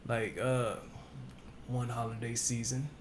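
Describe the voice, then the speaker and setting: A man tells a story in a relaxed, rambling way as he co-hosts a podcast. His voice sits at an ordinary middle pitch. Faint background noise runs under the talk. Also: takes it slowly. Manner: laid-back storyteller, says "you know what I'm saying" a lot. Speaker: podcast co-host. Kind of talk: casual chat.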